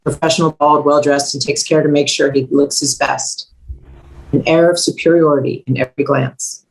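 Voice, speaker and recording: At a screenplay table read, a woman narrates the scene directions as scripted narration. Her low-to-middling voice stays steady at normal speed, captured in a low-quality recording.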